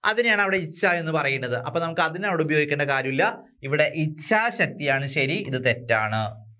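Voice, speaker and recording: A man from Kerala teaching an exam-prep language lesson, repeating words slowly and asking his listeners rhetorical questions. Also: on the high side, animated, sharp tone, dull audio. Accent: Malayali.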